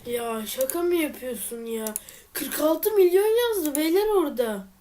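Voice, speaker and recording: A woman with a high voice plays through a game and talks it over as she goes. Her nose sounds stuffy. She grumbles under her breath, then breaks into exasperated outbursts. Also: animated, measured pace, dark tone, a little hiss or hum. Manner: frustrated, exclaiming and muttering at the game. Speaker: let's player. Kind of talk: let's play commentary.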